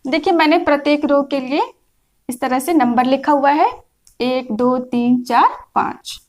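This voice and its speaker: High-voiced woman teaching grammar patiently. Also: steady tone, unhurried, rough recording. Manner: patient, repeats points, checks in with frequent "is that clear". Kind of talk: classroom lecture explaining a chart.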